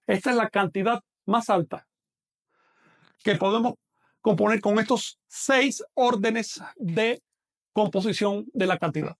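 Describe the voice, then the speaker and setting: A man's voice: high-pitched, a little slow. A man teaching a math class online, explaining patiently and quizzing a student as he goes.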